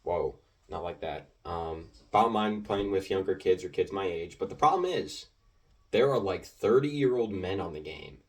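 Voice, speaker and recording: A teenage boy with a slightly low voice recounts his online matches in a loose, rambling way. He jumps between thoughts, fills gaps with ums and likes, and gets animated as he goes. The mic picks him up from a little distance. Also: normal speed. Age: teens. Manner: rambling, animated, full of filler words and restarts. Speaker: gaming video creator. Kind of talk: casual storytelling commentary.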